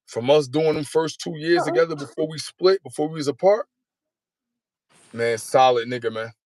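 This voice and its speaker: A man's voice: mid-range voice, no room sound. Man in his 30s, interview guest, slangy rambling talk, dry close sound. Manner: rambling, repeats "you know what I'm saying". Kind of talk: candid interview storytelling.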